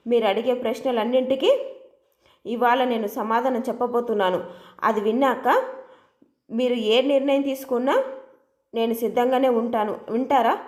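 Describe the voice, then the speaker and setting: A woman's voice: fairly high pitch, fairly even intonation, normal speed, pauses often, darkish tone, echoey room, lightly acted. A woman voicing a frightened young daughter-in-law who is cornered and pleading. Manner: anxious, pleading.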